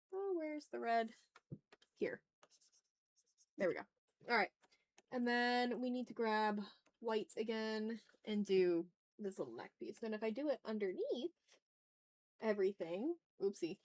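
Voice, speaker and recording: A woman with a highish, slightly mellow voice and lively intonation speaks slowly, leaving long pauses. She's hosting a live art stream, chatting casually and talking herself through her drawing in repeated short phrases and mild exclamations.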